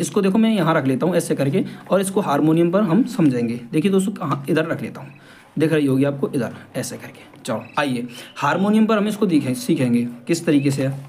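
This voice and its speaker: A man with a high voice gives a casual harmonium lesson. He is patient, repeats each point and often asks the viewer questions back. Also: expressive, brisk, a little mellow, slight background noise. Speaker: harmonium teacher.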